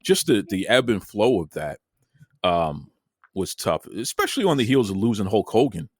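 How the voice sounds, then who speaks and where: A podcast host with a lowish, very animated voice talks at normal speed in a clean studio recording with no room sound. His casual chat show is conversational and folksy, and he often stumbles over words and repeats them.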